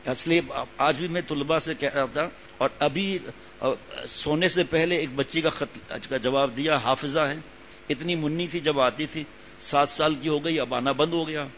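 This sermon comes from an older man who teaches religion, talking in an easygoing, conversational manner. He returns to certain phrases again and again for emphasis, and his voice is a touch high. The audio is muffled and lo-fi with a soft hum.

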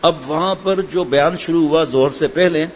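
A man preaching a sermon and telling humorous anecdotes in a chatty way, full of asides. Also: a little high. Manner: conversational storytelling, chatty asides. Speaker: religious preacher. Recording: dull lo-fi with faint background noise.

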